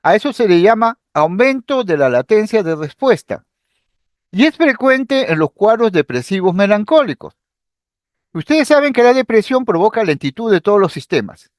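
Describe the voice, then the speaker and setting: High-voiced man lecturing on psychiatry. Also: normal speed, no echo, clean studio sound. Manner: explanatory, acts out patient speech examples; lively intonation, occasional fillers and restarts. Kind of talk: recorded medical lecture.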